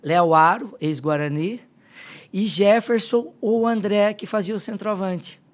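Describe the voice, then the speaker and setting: Middle-aged man, slightly high voice. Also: unhurried. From Limeira, São Paulo state, Brazil. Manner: lively storyteller, acts out dialogue. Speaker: podcast guest, fitness coach. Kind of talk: casual storytelling interview.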